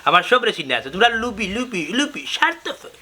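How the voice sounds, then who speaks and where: An actor with a Sylheti accent playing an exasperated brother-in-law who lectures and scolds. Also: male voice, sits high, sing-song, fairly quick, sharp tone, full character voice. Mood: scolding. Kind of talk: comedy drama acting.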